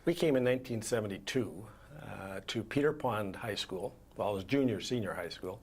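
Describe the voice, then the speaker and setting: An older man from Saskatchewan, a retired school principal, answering interview questions in a calm, measured, matter-of-fact way. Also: fairly low pitch, husky.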